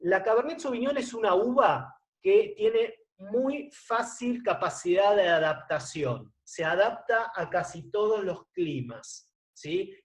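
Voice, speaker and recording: A middle-aged man, giving an online wine lesson and often checking in with a rising question. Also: high voice. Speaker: wine course teacher. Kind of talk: online lecture.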